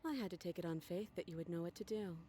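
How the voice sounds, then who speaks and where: An actress voicing a calm, bodiless ghostly princess in a video game, speaking softly and in a measured way. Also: female voice, on the low side, a little hiss or hum, close to an everyday voice. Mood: grateful. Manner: slow, soft, measured. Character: slow, calm ghostly princess without a body. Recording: echoey game audio with music.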